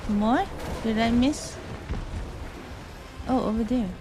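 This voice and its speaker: A woman's voice: a little high, slow. A woman streamer chatting casually with viewers and reacting as she plays a game. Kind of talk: casual live gameplay chat. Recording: game music behind voice.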